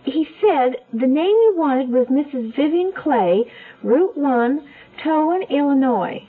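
A teasing, bored young dame. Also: female voice, high voice, lively intonation, takes it slowly. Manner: teasing, languid. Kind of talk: 1970s radio drama acting. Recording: tinny old radio broadcast.

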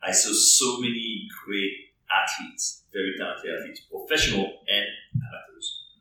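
Deep-voiced French-accented man, echoey room. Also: fairly even intonation, normal speed, sharp tone. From France. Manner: reflective, repeats words, many fillers. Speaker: startup founder and guest. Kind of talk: casual interview conversation. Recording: echoey room, distant mic, faint noise.

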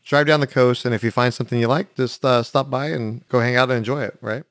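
A man hosting a casual interview, quickly affirming and asking follow-up questions. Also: mid-range voice, steady tone, dry recording, studio quality. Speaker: interview host.

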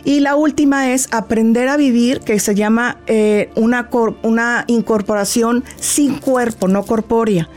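A middle-aged woman, a grief therapist, talks in an explanatory interview over soft background music. Her voice is on the high side, steady, and unhurried, with few pauses, and she warmly teaches while acting out little talks with a child.

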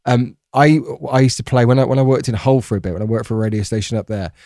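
A chatty British man in his thirties co-hosts a casual podcast. He rambles through anecdotes and likes to tease. His voice sits at a middle pitch, recorded dry and close. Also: quick pace, mellow, no echo. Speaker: podcast co-host, former radio presenter. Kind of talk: casual chat, telling anecdotes.

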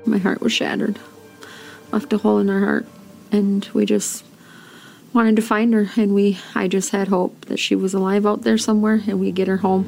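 A woman with a gravelly voice speaks eagerly and from the heart in an interview. Music sits clearly under her. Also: mid-range voice, little pitch movement, moderate pace, darkish tone. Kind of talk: emotional interview. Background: music bed.

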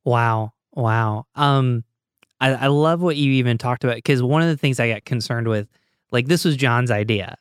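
Male podcast host, mid pitch, clear rich tone, loose conversational questioning, dead-dry studio sound. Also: moderate pace, dry recording. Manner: casual, warm-up fillers before questions.

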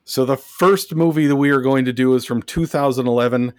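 A man co-hosting a casual podcast chat, wry and deadpan, who swears casually as he lays out his picks. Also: medium pitch, fairly quick, dry recording, clean studio sound. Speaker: podcast co-host.

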